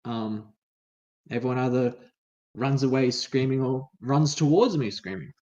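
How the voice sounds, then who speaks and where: A man voicing a lonely, thoughtful male demon in a tabletop game, speaking softly and hesitantly. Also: medium pitch, a little slow, natural voice. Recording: dull lo-fi recording.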